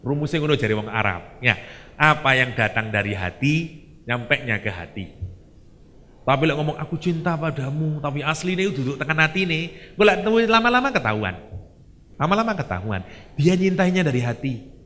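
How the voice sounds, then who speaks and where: A man with an East Javanese accent preaching a sermon, telling the story in a lively way with Javanese and English asides. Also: medium pitch, a little fast, long reverb tail.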